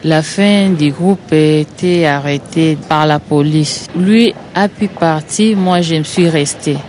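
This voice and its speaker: A woman giving a deeply moved, halting personal testimony in a field interview. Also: a little mellow. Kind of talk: emotional testimony. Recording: noisy field recording.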